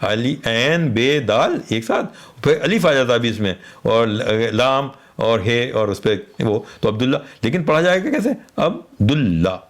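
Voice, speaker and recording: A man's voice: mid-range voice, animated, few pauses. A man, a guest expert on poetry, patiently teaching pronunciation on a radio programme and spelling out letters. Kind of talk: explanatory radio talk.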